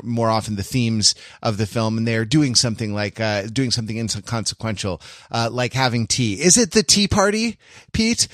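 A man hosts a casual film discussion podcast, speaking wryly and dropping in mock-formal asides. His mid-range voice is a bit bright and studio quality, with no room sound.

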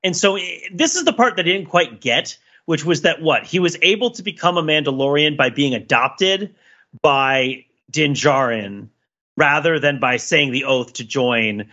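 A podcast host with a voice on the high side, pushed and bright with the highs cut off, casually analyzes a TV show. He's wordy and tends to circle around his point.

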